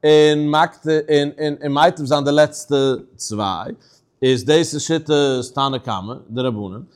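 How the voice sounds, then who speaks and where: A man teaching a Talmud class, animated, posing questions and answering them himself. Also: fairly high pitch, slow pace. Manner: animated, asks and answers his own questions. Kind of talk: Talmud lecture.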